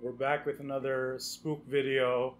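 A man's voice: mid-range voice, flat delivery, unhurried, a loud crowd. A man co-hosting a casual game playthrough, trading teasing jokes with his partner. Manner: joking, teasing banter. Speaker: co-host. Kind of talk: casual let's-play banter.

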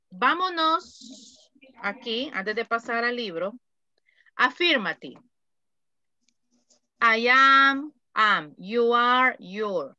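Woman, English teacher, dry close sound, slightly high voice. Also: bright, forceful tone, dry recording, lo-fi sound. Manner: slow, careful, repeats phrases for students. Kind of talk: online class explaining grammar.

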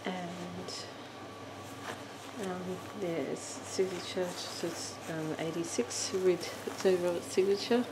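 Slow, halting woman showing dolls. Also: fairly low pitch, steady tone, noisy background. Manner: slow, halting, many ums. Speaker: doll collector channel host. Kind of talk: casual show-and-tell.

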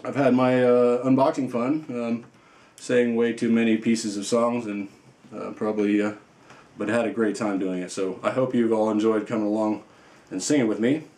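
A man's voice: medium pitch, fairly even intonation, normal speed, a little mellow, reverberant. A man chatting casually as a toy reviewer, rambling and playful with lots of fillers. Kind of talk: casual unboxing chat.

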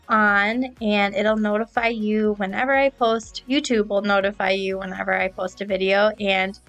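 A woman in her thirties talks through a home cleaning session in a relaxed voice-over. Her delivery is chatty and upbeat, full of little fillers. Faint music plays underneath her voice. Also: mid-range voice. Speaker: cleaning vlogger. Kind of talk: casual voice-over narration. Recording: voice-over with soft background music.

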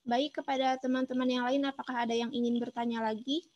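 A woman's voice: high voice, level tone, fast talker, darkish tone, lo-fi sound. A woman moderating an online question session, speaking politely and formally, her voice coming through a distant call mic with choppy, breaking-up audio.

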